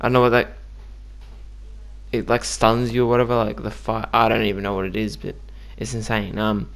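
A man's voice: fairly low pitch, level tone, fairly quick. A man giving casual, chatty commentary on a video game he just played, with lots of ums and likes. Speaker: gaming YouTuber.

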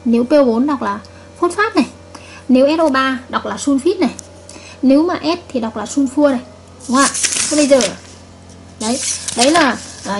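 A woman's voice: high voice, background noise. A woman chemistry teacher giving a recorded video lesson, patiently repeating each point and checking with her students.

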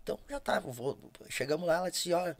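Man, southern Brazilian gaúcho accent, podcast guest, jokey storyteller, swinging pitch. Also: quick pace, gravelly. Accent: southern Brazilian, Rio Grande do Sul. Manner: animated, jokey storyteller who laughs a lot. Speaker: accordion player guest.

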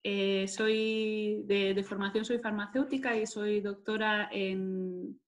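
A woman in her thirties from Madrid, a market manager and scientist with a Spain Spanish accent, answers interview questions conversationally over a video call. She wears an earphone headset in a plain-walled indoor room, speaking slowly at a medium pitch with fairly even intonation.

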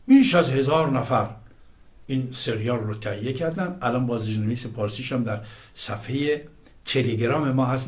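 A middle-aged man hosting, delivering an impassioned monologue with sudden loud bursts. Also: mid-range voice. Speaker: host.

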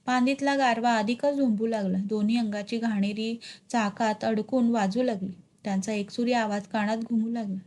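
Female narrator for a literary short story, steady and measured, slightly high pitch. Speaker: story reader.

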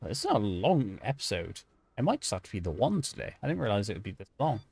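A man's voice: on the low side, very animated, fast, creaky, a little mellow, husky. A man streaming a video game, chatting to his viewers, joking and yelping at scares. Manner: chatty, jokey, talks to chat, yelps at scares. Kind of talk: gameplay commentary.

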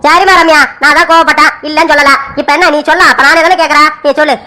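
A woman's voice: sits high, fairly even intonation, racing, pushed and bright. A woman voicing a stern middle-aged village father in a cartoon serial, who coaxes his daughter and lectures her on family honor. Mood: lecturing. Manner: coaxing, pressing questions, lecturing.

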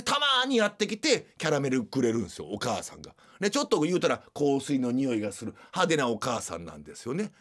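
A man's voice: on the high side, a bit bright. A man with a Kansai accent, hosting a radio show and animatedly retelling scenes in casual storytelling. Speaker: radio host.

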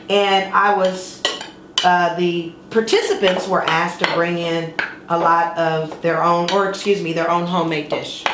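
A middle-aged woman runs a home cooking demonstration, chatting easily and playfully singing the odd word in her mid-range voice. A camera mic set back in her echoey kitchen catches the sound bouncing off hard surfaces, with pans and cutlery clinking clearly and other background noise.

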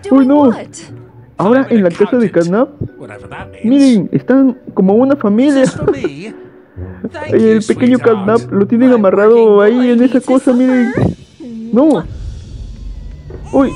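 A host reacting to an animated video, chatting casually, laughing often and crying out in mock dismay. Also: medium pitch, measured pace, pauses often, faint music behind.

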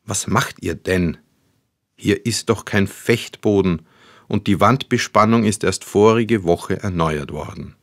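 A man's voice: lowish voice, unhurried, dry recording. A man voicing a grumpy, weary old father who speaks sternly and dryly. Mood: irritated. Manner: stern, dry, sighing.

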